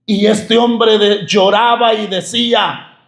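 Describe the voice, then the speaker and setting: A male pastor preaching a sermon with fervor, often raising his voice to a shout and repeating phrases for emphasis. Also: high voice, fairly even intonation, takes it slowly, roomy sound. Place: church.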